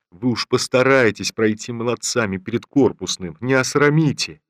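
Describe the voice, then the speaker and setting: A man reading a classic novel aloud in a measured, even narration. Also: on the low side, dry recording, studio quality. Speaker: audiobook reader. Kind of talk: scripted literary narration.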